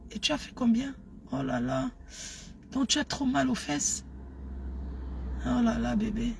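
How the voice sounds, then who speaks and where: A woman playing a sultry lover on the phone, in a whispered role-play that is soft, breathy and coaxing. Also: fairly high pitch, fairly even intonation, measured pace, slight background noise, exaggerated voice.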